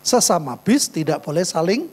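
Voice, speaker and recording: A pastor preaches a sermon in church, telling stories, acting out conversations, and often addressing listeners as "saudara." His voice is high, expressive, and gravelly at a normal speed, with a faint mains hum in the background.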